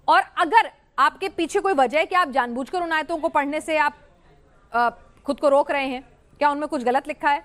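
A woman's voice: sits high, a bit bright. A woman anchoring a heated TV debate, insistent and talking over her guests.

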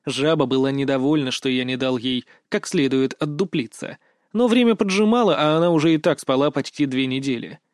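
A man narrating a first-person fantasy story in a steady, even storytelling read. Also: medium pitch, fairly quick, dry recording, studio quality. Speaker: audiobook narrator.

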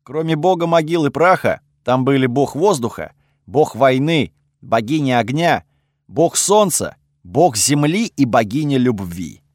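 A man reading a fantasy audiobook in the first person, measured storytelling. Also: medium pitch, lively intonation, darkish tone, dry recording, studio quality. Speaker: audiobook narrator.

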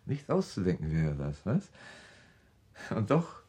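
A cold, sinister fiancé with a deep husky voice. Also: male voice, heavily acted. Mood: coldly taunting. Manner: calm, slow and mocking. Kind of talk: 1960s radio drama acting.

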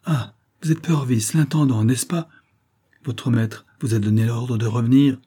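A man's voice: medium pitch, measured pace, warm tone, husky. A man reading aloud and voicing a young wife, frightened yet brave, in breathless, pleading outbursts in a storybook. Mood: haughty.

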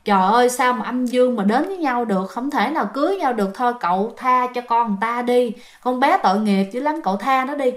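Woman playing a calm older male exorcist, soft coaxing tone, Southern Vietnamese accent, high voice. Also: unhurried, few pauses, reverberant, close to an everyday voice.

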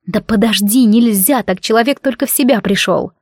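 A woman voicing a young heroine who pleads breathlessly, pitched a little above her reading voice. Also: brisk, slightly rough, no room sound, clean studio sound. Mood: pleading.

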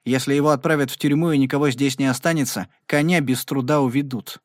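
A man's voice: mid-range voice, steady tone, quick pace, no echo, studio quality. Man narrating a western audiobook. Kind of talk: scripted narration.

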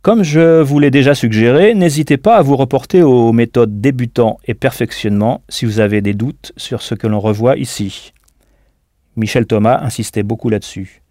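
A man's voice: medium pitch, moderate pace, warm tone, no room sound, studio quality. A man teaching a recorded audio language lesson, patiently spelling out words letter by letter and prompting the listener to answer.

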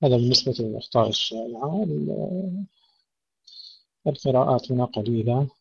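Man, recitation teacher, mid pitch, precise and demonstrative; muffled, dry lo-fi recording. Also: brisk, vocal fry, darkish tone, husky, no echo. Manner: careful, demonstrates pronunciation. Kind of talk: tajweed lesson with recited examples.

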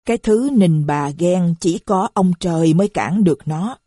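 A woman playing a shrill, nagging old mother. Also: animated, normal speed, mellow, no echo, studio quality. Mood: indignant. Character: sharp-tongued old mother scolding her household.

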